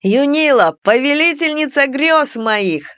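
A woman's voice: expressive, measured pace, fairly bright tone, no echo. A woman voicing a proud, hot-headed young male dragon suitor with a pompous, theatrical manner. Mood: rapturous. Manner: pompous, theatrical, shrill outbursts.

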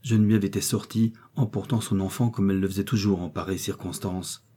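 Low, husky male audiobook narrator. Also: fairly even intonation, fairly quick, dark tone. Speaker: audiobook reader.

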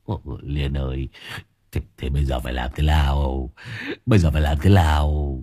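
A man's voice: rumbling low, steady tone, moderate pace, warm tone, husky, dry recording, clean studio sound, pitched below the performer's own voice. A man voicing a timid, stammering middle-aged village husband. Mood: pleading. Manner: stammering, fearful.

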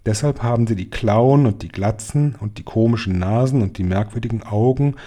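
Man playing old grandmother, stern, knowing, grave, husky tone, storybook voice. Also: on the low side, fairly quick, warm tone, natural voice. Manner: grave, matter-of-fact warnings.

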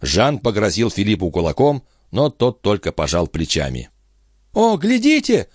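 A man reading a novel aloud in expressive, measured scripted narration. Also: low voice, dry recording, studio quality. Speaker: audiobook reader.

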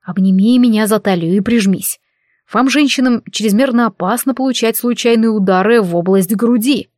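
A woman voicing a gruff, grumbling male witch-detective who gives curt, bossy orders in a storybook reading. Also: a little high, normal speed, darkish tone, no room sound, studio quality, close to an everyday voice. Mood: stern.

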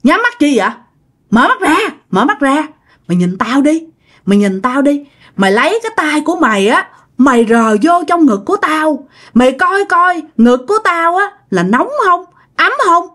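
A woman's voice: high-pitched, sing-song, moderate pace, a bit bright. Woman playing a menacing ghost woman. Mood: urgent warning. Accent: Southern Vietnamese. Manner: demanding, repeats herself, taunting.

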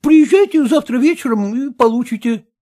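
A reader doing a meek, put-upon man who sighs his way through a bargain. The voice sits high and lively, with a soft, reluctant manner. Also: moderate pace. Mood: sighing, reluctant. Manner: sighing, soft-spoken. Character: meek, sighing male heir, wheedling.

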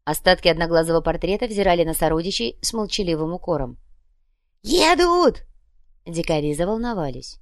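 A woman's voice: lowish voice, no room sound. Woman narrating a story, dry sound. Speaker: audiobook narrator. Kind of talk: scripted narration.

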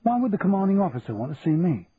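A man's voice: high voice, sing-song, racing, slightly rough, pitched above the performer's own voice, heavily acted. A man voicing an earnest, honest young lance corporal who talks plainly and respectfully. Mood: nervous, respectful. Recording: tinny phone-like, faint hiss.

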